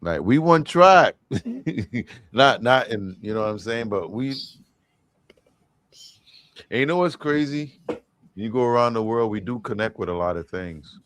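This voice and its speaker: A man's voice: mid-range voice, animated, a little slow, long pauses, a bit bright, slight background noise. A man co-hosting a casual panel chat, laid-back and reflective. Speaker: co-host of a panel show.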